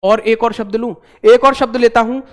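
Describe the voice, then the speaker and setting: Male online tutor, high clear voice, talkative and repetitive. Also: fairly even intonation, moderate pace. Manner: chatty, repeats himself, joking asides to viewers. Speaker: teacher. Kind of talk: online exam-prep class.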